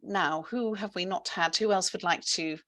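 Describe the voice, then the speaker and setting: A woman's voice: on the low side, moderate pace, fairly bright tone. A woman moderating an online panel discussion over a video call, conversational and thoughtful.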